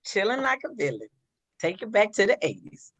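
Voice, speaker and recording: A woman's voice: mid-range voice, sing-song, fairly quick, husky. A woman co-hosting a casual live show, laid-back and joking. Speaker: co-host. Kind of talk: casual live-stream chat.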